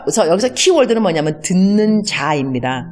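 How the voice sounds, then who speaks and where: A woman missionary talks in an easy, conversational teaching style. Her pitch swings widely as she acts out everyday exchanges in different voices. She drops English words into her talk now and then. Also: big pitch swings, fairly quick, darkish tone, faint music behind.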